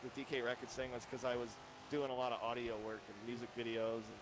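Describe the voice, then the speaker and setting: A man's voice: medium pitch, level tone, quick pace, background noise. A young man chatting casually with friends while streaming a racing game, rambling and laughing often. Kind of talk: casual chat while gaming.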